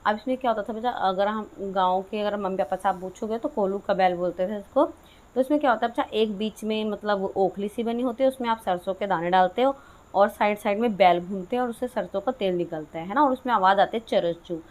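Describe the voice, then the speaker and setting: A woman teacher reading poetry lines slowly, then explaining them in quick, chatty asides to her students, whom she calls "child". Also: medium pitch, darkish tone. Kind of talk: Hindi poetry lesson explaining a class nine text.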